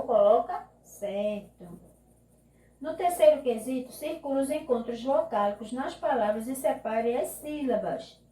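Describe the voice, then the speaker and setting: This is a recorded remote lesson from a female primary school teacher whose accent is Brazilian Portuguese and whose voice is fairly high and mellow. She explains in a slow, patient, drawn-out classroom way, frequently pausing to ask "ok?". An echoey room and a distant mic shape the recording.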